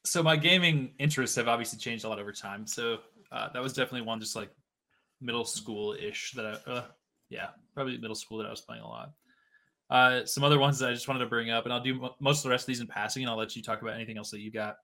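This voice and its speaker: A young man in his late twenties chats casually as a podcast co-host. His voice is bright and forceful, and he rambles along with plenty of fillers. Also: mid-range voice, fast. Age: 20s. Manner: chatty, rambling, many fillers. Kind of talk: casual chat.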